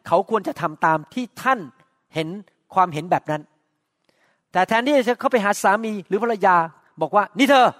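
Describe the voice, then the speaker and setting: A man's voice: sits high, lively intonation, moderate pace, a bit bright, no room sound, studio quality, long reverb tail. A middle-aged man preaching a sermon, earnest, acting out short quoted exchanges. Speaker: pastor.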